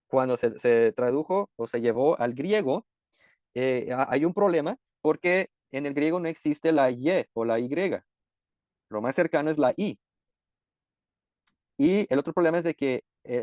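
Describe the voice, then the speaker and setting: Man, Bible teaching, earnest, explanatory, "eh" pauses, warm mellow voice, dry slightly dull recording. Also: medium pitch, no echo. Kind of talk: teaching sermon.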